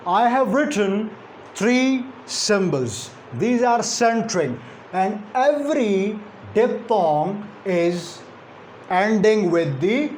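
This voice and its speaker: A man teaching English pronunciation, speaking deliberately and repeating example sounds slowly. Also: sits high, animated, slight background noise. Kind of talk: phonetics lecture.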